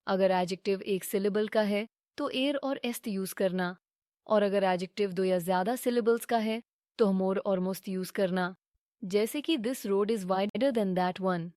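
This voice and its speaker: Slow, deliberate woman teacher. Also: mid-range voice, darkish tone, no room sound, clean studio sound. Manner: reads English examples very slowly and deliberately. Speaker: English teacher. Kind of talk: scripted grammar lesson.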